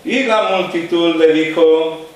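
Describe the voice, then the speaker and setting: A man preaching a sermon, slow and dramatic, dropping to a hush and then rising to a raised voice. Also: on the high side. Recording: echoey hall, heard from a distance.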